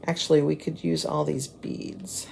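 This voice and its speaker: A woman's voice: sits low, little pitch movement, measured pace, vocal fry, darkish tone, slight background noise. A woman hosting a casual craft tutorial, chatting to viewers and muttering to herself as she works, with slurred, slushy s sounds. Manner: chatty, mutters to herself and to the materials while working.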